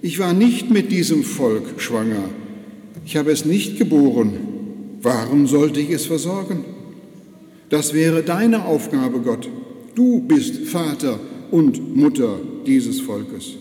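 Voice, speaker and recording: An older pastor voicing a despairing, weary old prophet in a low, slow lament, in an echoey church. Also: male voice, lively intonation, warm tone.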